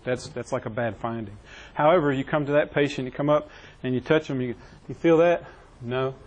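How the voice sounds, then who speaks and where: A man's voice: mid-range voice, fairly quick, lo-fi sound. A man teaching a classroom EMS training session, quizzing his trainees and joking with them. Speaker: EMS instructor.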